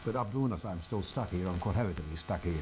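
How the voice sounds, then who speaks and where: Rapid-fire and low-voiced, an older Australian man who hosts local radio banters informally during an interview in the studio, with a wry, self-deprecating streak. Background noise is audible.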